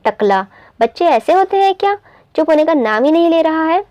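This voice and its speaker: A woman voicing a sharp-tongued young woman about to be married, teasing and whiny. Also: fairly high pitch, moderate pace, clear, resonant tone, no room sound, dull audio, natural voice. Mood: irritated. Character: cheeky young bride-to-be, teasing and dramatic.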